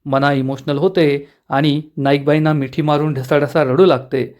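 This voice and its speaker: A man narrating a scripted recap of a TV serial episode, telling it in steady storytelling and voicing every character's lines. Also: on the high side, moderate pace.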